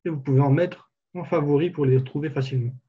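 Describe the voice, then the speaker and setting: A man giving a live software tutorial webinar, casually explaining each step as he clicks through it. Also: a little high, fairly even intonation, quick pace, slightly rough, lo-fi sound. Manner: casual, explanatory, walks through steps on screen. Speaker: software trainer.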